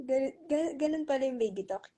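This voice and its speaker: A woman's voice: high-pitched, lively intonation, brisk, mellow. A woman chatting casually with her viewers during a livestream, playful and teasing, sometimes cooing baby talk to her pet. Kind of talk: casual live-stream chat.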